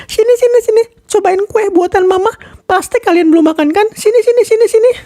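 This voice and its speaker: A woman's voice: very high voice, fast, mellow. A woman voicing a doting, fussy middle-aged mother in a cartoon. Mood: gushing. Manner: gushing, fussing. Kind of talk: cartoon voice acting.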